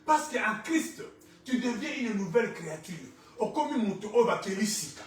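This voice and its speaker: A male pastor preaching a sermon, rising to shouts and falling quiet, with Lingala phrases mixed in. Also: high voice, animated, normal speed, slight background noise. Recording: echoey church from far off.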